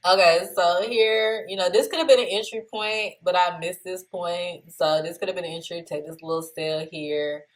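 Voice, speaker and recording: A young woman walks through her trades in a relaxed screen-share recap. She talks loosely and chattily into a desktop mic and laughs at her own slips. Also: lowish voice, normal speed, few pauses.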